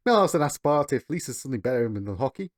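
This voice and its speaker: A man's voice: medium pitch, sing-song, racing, no echo, studio quality. A man co-hosting a podcast, recapping a cartoon episode and stringing events together with many fillers.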